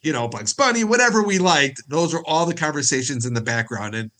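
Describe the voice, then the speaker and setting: A playful man jokes about himself while chatting on a podcast over a video call. His voice sits a little high, with a bright, forceful edge. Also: lively intonation, fairly quick. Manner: jokey, self-mocking, playful. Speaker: podcast guest, comic performer. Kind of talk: casual chat on a video call.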